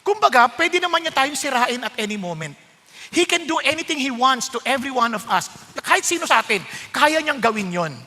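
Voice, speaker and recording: A man preaching a sermon, often asking the congregation questions and reading scripture slowly. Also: very high-pitched, pushed and bright. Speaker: pastor. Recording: long hall reverb.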